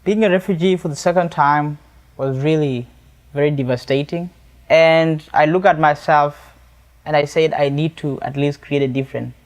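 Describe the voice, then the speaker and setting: A young man from South Sudan with a South Sudanese accent, telling his own story in a measured, earnest way. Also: a little high, fairly even intonation. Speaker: speaker sharing a personal story. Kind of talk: earnest personal testimony.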